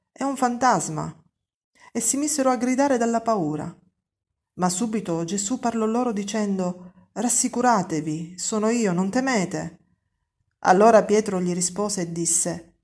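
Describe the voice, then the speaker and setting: A woman reads a Gospel passage aloud during a church service. Her mid-range voice stays clear and measured. She paces the narration carefully. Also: medium pitch, darkish tone. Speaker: scripture reader. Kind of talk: reading a Bible passage aloud.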